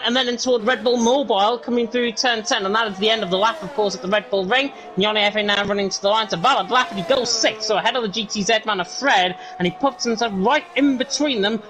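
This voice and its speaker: High-voiced Northern English race commentator. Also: male voice, pushed and bright, rough recording. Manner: rapid play-by-play, chatty asides. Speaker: lead commentator.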